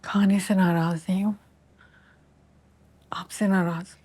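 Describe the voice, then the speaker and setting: A woman's voice: lowish voice, flat delivery, slow, a little mellow, slightly rough. An actress playing a hurt, resentful young woman who speaks reproachfully in a TV drama.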